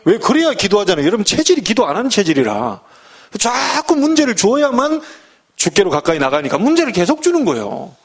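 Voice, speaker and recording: A man's voice: sits high, huge pitch swings, quick pace, few pauses. A middle-aged male pastor giving a folksy sermon full of humor and rhetorical questions.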